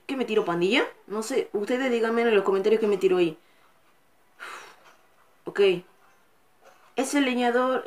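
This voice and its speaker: A woman hosting a gaming channel, giving live gameplay commentary with excitable, frustrated outbursts and cursing at the game. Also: on the high side, a little hiss or hum.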